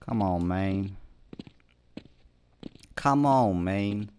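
Young male gaming YouTuber, slangy horror playthrough commentary, unhurried delivery with loud bursts. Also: deep voice, a little hiss or hum. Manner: slangy, reacts loudly with sudden outbursts.

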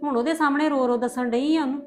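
Woman doing a strict mother-in-law, sharp and scolding, highish voice, soft music. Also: steady tone, fast talker, close to an everyday voice.

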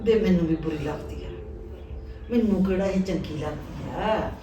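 A woman's voice: normal speed, warm tone, close to an everyday voice. A woman playing a harsh, cursing mother-in-law in a short drama film, scolding her daughter-in-law and her son. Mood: remorseful. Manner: shrill, cursing. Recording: echoey room, distant mic, faint music.

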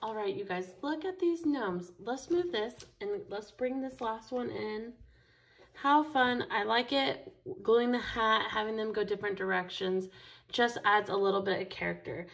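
Working at a measured pace, a craft store instructor talks her way through a project at a table, with only her hands visible from an overhead camera. Her voice is a bit higher than average, roughened by gravelly fry, and she chats warmly and eagerly about each step as she goes.

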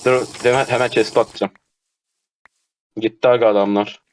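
A man playing an online game with a teammate, swearing constantly and shouting in frustration. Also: medium pitch, level tone, normal speed, a little hiss or hum. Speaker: gamer streamer. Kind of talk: casual gameplay chat with teammate.

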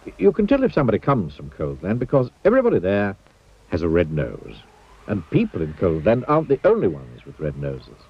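A man narrating a children's storybook in a playful, expressive way. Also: low voice, brisk, breathy edge. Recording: dull lo-fi old TV soundtrack.

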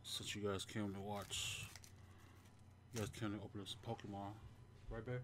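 A man's voice: fairly low pitch, flat delivery, normal speed, background noise. Laid-back man hosting a livestream. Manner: laid-back, greets viewers by name. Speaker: channel host. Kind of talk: casual livestream chat. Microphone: desk microphone.

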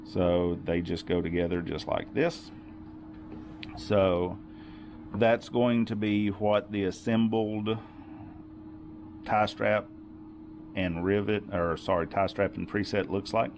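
A man demonstrating workshop tools gives a step-by-step how-to in his indoor home workshop. His deep voice is slow and patient, he repeats key points methodically, and steady noise runs behind him near the bench.

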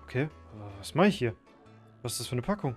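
A man commenting on his own survival gameplay, thinking aloud, swearing and breaking into sudden loud outbursts. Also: mid-range voice, very animated, fast talker, soft background music. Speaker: gaming YouTuber.

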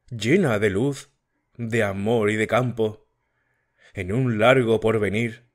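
Slow, measured male audiobook narrator. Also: lowish voice. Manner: measured, deliberate reading.

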